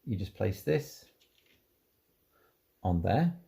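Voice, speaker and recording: A presenter with a fairly low, mellow voice, vocal fry and big pitch swings gives an informal, hands-on walkthrough of audio equipment. He speaks very slowly, explaining each step without hurry.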